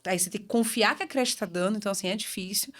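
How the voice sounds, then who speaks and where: A woman in her thirties, a children's ear-nose-throat doctor, chatting as a podcast guest and telling lively stories with acted-out dialogue. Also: medium pitch, racing. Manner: lively storytelling, acts out quoted dialogue. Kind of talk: casual podcast chat.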